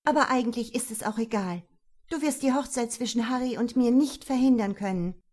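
A high, gushing young bride-to-be in an audiobook, voiced by a woman narrator. Her voice lifts well above the reader's own and pushes louder, girlish and pleading, with a faintly breathy edge. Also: animated, measured pace. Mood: indignant, excited.

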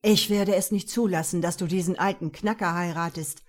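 A woman voicing an angry middle-aged father who speaks loudly and menacingly in an audiobook. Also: lowish voice, normal speed, lightly acted. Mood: stern angry. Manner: loud, stern, menacing.

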